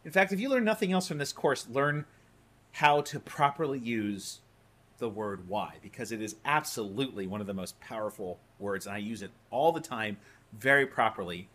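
A man's voice: medium pitch, normal speed, fairly bright tone. A man teaching a hypnosis course in a conversational, emphatic way, sometimes repeating words as he explains. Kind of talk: course lecture.

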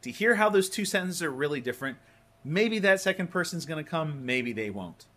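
A man's voice: a little high, animated, fairly quick, fairly bright tone. A man teaching a hypnosis course in a conversational, emphatic way, sometimes repeating words as he explains. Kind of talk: course lecture.

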